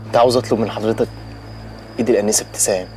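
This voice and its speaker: A man's voice: fairly low pitch, steady tone, very fast, music in the background, lightly acted. An actor playing a polite, hesitant young man with an Egyptian accent, asking a father for his daughter's hand. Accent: Egyptian Arabic. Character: nervous young male student asking to marry.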